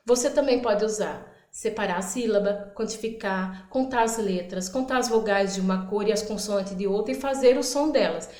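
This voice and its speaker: A woman teacher explaining early literacy activities, sounding out words slowly and acting out her prompts to children. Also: mid-range voice, echoey room. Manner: stretches out words for demonstration, acts out classroom prompts. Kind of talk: instructional explainer.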